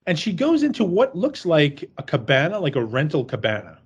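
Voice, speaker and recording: A man's voice: on the high side, wildly swooping pitch, brisk, slightly rough, dull audio. A man co-hosting a horror film podcast, chatting casually in a rambling, jokey and profane way. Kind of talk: casual chat.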